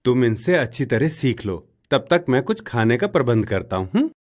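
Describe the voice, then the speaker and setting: A woman voicing a gentle, reassuring father crow in a cartoon story. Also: very deep voice, big pitch swings, normal speed, full character voice.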